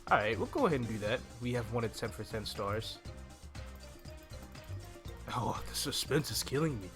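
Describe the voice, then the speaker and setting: Speaking into a desk microphone right by his mouth, a young man guides viewers through a video game casually, voicing his thoughts as he goes. His medium-pitched voice is expressive and a bit bright, at normal speed. Game music plays in the background.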